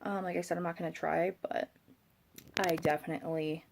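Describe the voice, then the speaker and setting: Chatting casually to camera, a tired young female vlogger rambles and hesitates, her words slightly thick from a swollen tongue. Her fairly low, gravelly voice holds a level tone at a fairly quick pace, with a noisy background.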